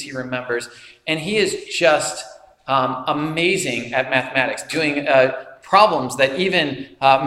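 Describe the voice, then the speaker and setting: A man's voice: fairly high pitch, sharp tone, reverberant, long reverb tail. A man preaching a sermon, retelling a film scene with quoted dialogue. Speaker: pastor.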